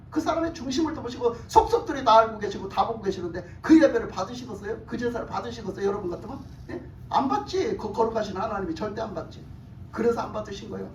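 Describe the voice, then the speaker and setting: A woman pastor preaching a sermon, emphatic and animated, putting questions to the congregation and often laughing. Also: on the high side, a little hiss or hum. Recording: echoey hall from far off.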